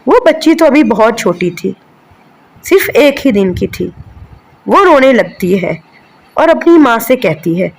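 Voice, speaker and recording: A woman's voice: a little high, sing-song, unhurried, pauses often, low-quality recording. A woman narrating a children's cartoon story in a sympathetic storytelling manner.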